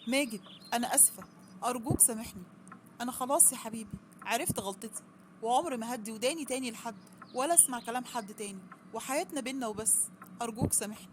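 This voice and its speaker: A woman's voice: a little high, quick pace, noisy background, close to an everyday voice. A woman with an Egyptian accent voicing a young wife who pleads, in a storybook reading. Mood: pleading. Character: young Egyptian wife, upset then remorseful.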